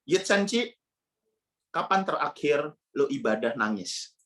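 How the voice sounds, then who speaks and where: A man's voice: on the high side, sing-song, measured pace, a bit bright. A man preaching a casual youth sermon, firing slangy rhetorical questions at his listeners.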